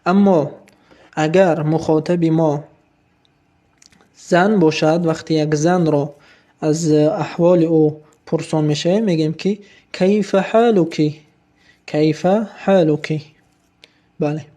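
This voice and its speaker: Male language teacher, fairly high mellow voice, slow repetitive drilling. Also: steady tone. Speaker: Arabic teacher. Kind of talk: recorded language lesson.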